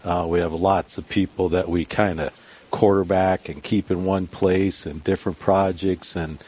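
A man giving a casual, plainspoken interview answer as a business guest, halting and rambling a little. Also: sits low, little pitch movement, a little mellow. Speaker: round-table guest, business owner. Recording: dull band-limited radio sound.

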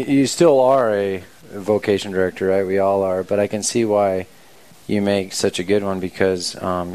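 A man hosting an interview, talking casually and warmly, with lots of fillers and restarts. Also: sits low. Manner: warm, rambling, full of fillers. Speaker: host.

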